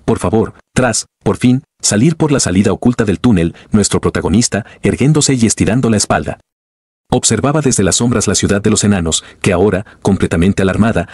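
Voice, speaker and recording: Husky low-voiced male narrator. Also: no room sound, clean studio sound. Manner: steady, dramatic storytelling. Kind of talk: scripted story narration.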